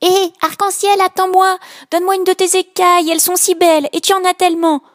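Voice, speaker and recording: A woman voicing a timid little blue fish who begs eagerly in a high, bright voice. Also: flat delivery, a little fast.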